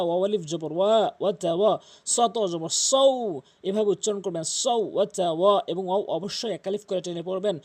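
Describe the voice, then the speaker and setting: A man teaching tajweed step by step, spelling out letters and vowel marks slowly and repeating each syllable. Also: sits high, a little mellow. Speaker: Quran recitation teacher.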